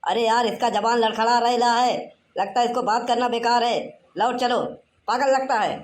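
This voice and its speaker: A woman's voice: a little high, steady tone, moderate pace, reverberant, lightly acted. A woman voicing an impatient male driver in a cartoon, brusque and scolding. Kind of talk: cartoon voice acting.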